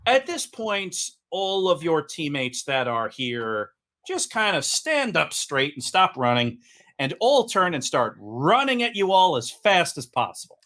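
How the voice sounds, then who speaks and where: A man's voice: on the high side, sing-song, a little slow, fairly bright tone. A man narrating a tabletop role-playing game as game master, talking in a loose, rambling way with many fillers.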